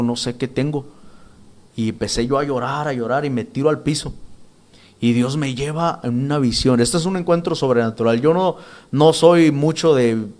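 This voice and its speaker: Casting: male church minister, mid pitch, earnest, stop-start testimony delivery. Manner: earnest, halting, with many restarts and repeated words. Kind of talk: spoken testimony.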